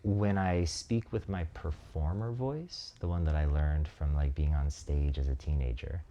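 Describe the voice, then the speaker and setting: A man with a close mic, speaking in a thoughtful and reflective way during a casual conversation, often pausing on fillers. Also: extremely low pitch, dark tone, highs cut off. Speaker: relating practice facilitator.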